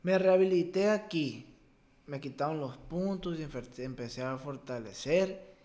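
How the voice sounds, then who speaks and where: A young man from Mexico, a baseball player, talks through a personal memory as a guest in a casual podcast interview. His voice, a little high for a man, is animated with a darkish tone, and he keeps breaking off emotionally and starting again.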